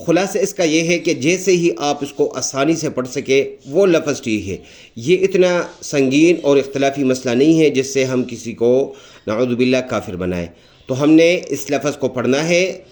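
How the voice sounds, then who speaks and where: A man's voice: medium pitch, darkish tone. A man teaching beginners how to pronounce Arabic letters, explaining patiently and drawing out each letter sound as he demonstrates it, with a Pakistani Urdu accent. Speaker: Quran teacher.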